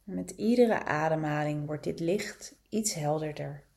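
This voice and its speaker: A woman leading a guided meditation, giving calm, gentle, soothing instructions with long pauses between them. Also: low voice, gravelly.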